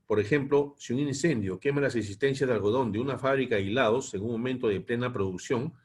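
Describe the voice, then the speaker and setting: A man with a husky, slightly rough voice lectures to a class. He reads dense technical text aloud at a measured, steady pace, pausing now and then to explain a point. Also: mid-range voice. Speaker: instructor. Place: online class.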